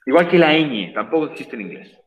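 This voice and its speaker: A man explains grammar to his online class, patient and repetitive, stressing each point twice. His voice sits a little high. The sound carries a roomy echo over the video call. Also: sing-song, fairly quick. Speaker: English teacher.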